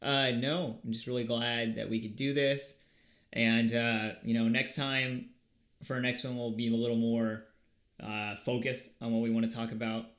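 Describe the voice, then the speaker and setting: A man's voice: medium pitch, little pitch movement, moderate pace, a bit bright. Enthusiastic man chatting on a podcast. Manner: enthusiastic, fillers like "like" and "you know". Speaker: podcast co-host. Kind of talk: casual chat. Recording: echoey room.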